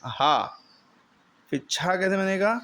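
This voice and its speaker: A man's voice: high voice, slow, bright, forceful tone. A man teaching the alphabet in a classroom lesson, explaining patiently step by step and drilling each sound for a pupil to repeat.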